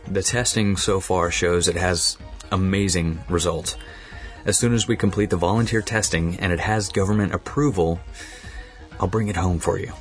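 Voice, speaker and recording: A man playing a doting researcher husband who speaks gently and a little hesitantly, with faint music underneath. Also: deep voice, moderate pace, lightly acted. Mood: soothing.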